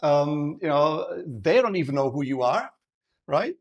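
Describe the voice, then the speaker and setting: A man's voice: on the high side, very animated, gravelly, lo-fi sound. A man with a German accent presenting a live sales workshop, often checking in with the audience and restarting his sentences. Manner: engaging, asks the audience frequent questions; halting, many restarts and fillers.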